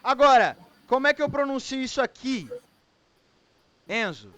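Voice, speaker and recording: A Brazilian man teaches English in a fairly high voice, praising students and patiently explaining pronunciation in two languages. The sound is dry and close, with little room echo. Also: expressive, normal speed, a bit bright. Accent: Brazilian Portuguese. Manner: encouraging, switches between Portuguese and English explanations. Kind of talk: online English class feedback and explanation.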